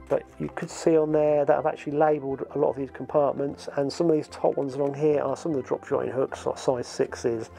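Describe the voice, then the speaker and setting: English bloke in his 40s, gravelly mellow voice, chatty gear tutorial from his little home studio, faint music behind. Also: fairly high pitch. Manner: relaxed, chatty, explaining with hand gestures. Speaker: fishing channel host. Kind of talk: casual gear tutorial to camera. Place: small indoor home studio with shelves.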